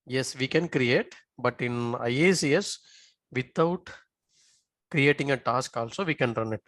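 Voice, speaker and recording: Walking through a live on-screen demo, a male software instructor speaks unhurriedly at a middle pitch, recorded dry with no echo or room sound. He pauses often to confirm learners are keeping up, using short tag questions to check in.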